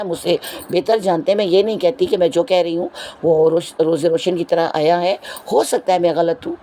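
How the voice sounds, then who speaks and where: A woman's voice: on the low side, darkish tone, slight background noise. A woman teacher explaining a poem to her students in an earnest, lecturing way, with repeated rhetorical questions. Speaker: Urdu teacher. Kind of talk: explanatory lesson, addressing students.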